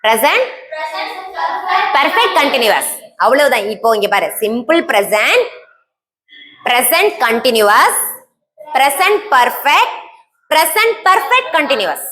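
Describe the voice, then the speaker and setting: Woman teacher, Tamil accent, high-pitched, classroom drill delivery, repetitive questioning, light background noise. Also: sing-song, measured pace, pauses often, sharp tone. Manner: quizzing, repeats key terms, answers own questions. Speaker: English teacher. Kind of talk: classroom grammar lesson.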